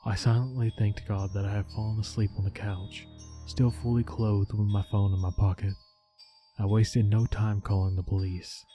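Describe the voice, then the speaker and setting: A man narrating a scripted first-person scary story in a low, haunting, measured voice. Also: little pitch movement, mellow. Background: background music.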